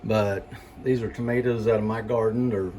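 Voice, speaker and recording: A man giving a casual home cooking demonstration, explaining things in a halting, unhurried, folksy way. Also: fairly low pitch, steady tone, warm tone, a little hiss or hum. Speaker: home cook presenting a recipe.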